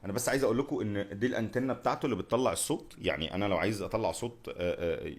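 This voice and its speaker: A man's voice: fairly low pitch, racing. A man with an Egyptian accent doing a casual, chatty gear review, repeating himself and talking to the people filming him. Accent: Egyptian Arabic. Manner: chatty, repeats himself, talks to the camera crew. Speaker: tech vlogger.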